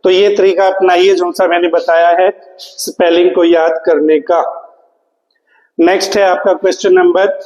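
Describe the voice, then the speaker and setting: A man's voice: sits high, level tone, moderate pace, a little mellow, reverberant, in a large hall, highs cut off. A man teaching English spelling to exam students, spelling words out letter by letter and asking the class questions he then answers himself. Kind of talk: exam prep lecture.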